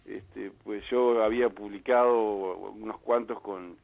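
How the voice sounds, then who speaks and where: A man's voice: lowish voice, fairly even intonation, slow pace, creaky. A man with a Uruguayan accent, a guest poet calling in, speaking modestly and with hesitation. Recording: phone-line call.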